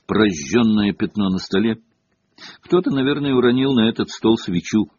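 A man voicing a wry teenage schoolboy who mumbles his jokes in a low, deadpan way. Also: normal speed, husky. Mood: deadpan joking. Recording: dull lo-fi cassette audio.

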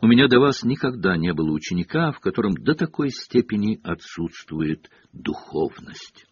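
A man voicing a dreamy, eccentric older woman seer who teaches, speaking in a hushed, slow, mystical way. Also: lowish voice, big pitch swings, breathy edge. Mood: cold disdain. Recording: dull lo-fi cassette audio.

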